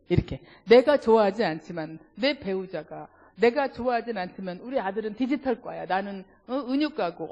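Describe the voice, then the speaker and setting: Lively woman lecturing in a reverberant hall. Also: a little high. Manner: lively, asks the audience rhetorical questions; acts out quarrels between spouses in quoted voices. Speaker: seminar lecturer. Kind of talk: church family-healing seminar lecture. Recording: dull lo-fi recording in a reverberant hall.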